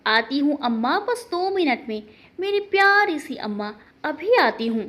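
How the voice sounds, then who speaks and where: A woman's voice: high voice, very animated, measured pace, a bit bright, exaggerated voice. A woman voicing a young village girl who is playful and childlike, hiding her grief. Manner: childlike, pouting.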